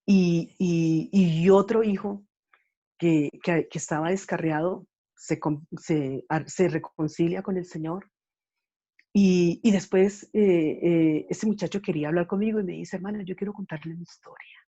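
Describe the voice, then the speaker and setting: A woman's voice: on the low side, fairly even intonation, unhurried, warm tone, lo-fi sound. A woman preaching a fervent sermon with pleading, repeated appeals over a video call.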